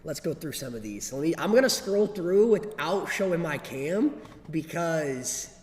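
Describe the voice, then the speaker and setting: A man's voice: a little high, animated, a little slow. A young man chatting casually to livestream viewers in slang and repeating himself. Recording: echoey reverberant room with background noise.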